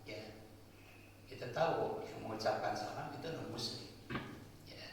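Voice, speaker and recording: A man's voice: mid-range voice, unhurried, a little hiss or hum. A male preacher gives a sermon, explaining point by point and asking and answering his own questions. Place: mosque hall. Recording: echoey hall, voice from far off.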